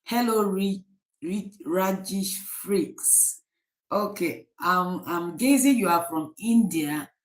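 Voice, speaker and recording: A Nigerian woman hosting a casual live stream, chatting with viewers by name and often pausing on fillers. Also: mid-range voice, roomy sound, rough recording. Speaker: livestream host.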